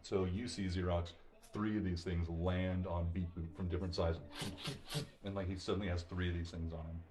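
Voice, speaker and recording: A man narrating as game master, relaxed and rambling, with lots of fillers. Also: deep voice, moderate pace.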